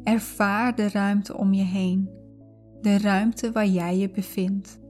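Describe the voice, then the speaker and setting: Slow, calm woman guiding a meditation. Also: medium pitch. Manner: calm, soothing, unhurried delivery with pauses. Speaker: guided meditation narrator. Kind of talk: guided visualization, scripted narration. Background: background music.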